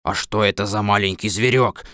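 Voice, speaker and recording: A huge cowardly lion, as a man acts him out, rumbling in a very low, dark voice. He sounds bashful and sorry for himself, in the manner of a storybook reading. The recording is close and dry. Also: fairly even intonation, moderate pace, no echo. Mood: sheepish. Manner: bashful, self-pitying storybook acting. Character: huge cowardly male lion, timid and tearful. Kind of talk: dramatized audiobook reading.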